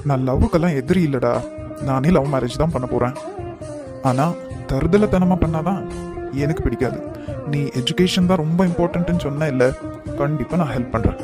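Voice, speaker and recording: A man's voice: on the high side, a little fast, long pauses, lightly acted. A man voicing a firm but kind young elder brother in a cartoon, with a Kanyakumari Tamil accent and a decisive, reassuring manner. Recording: voice over guitar music.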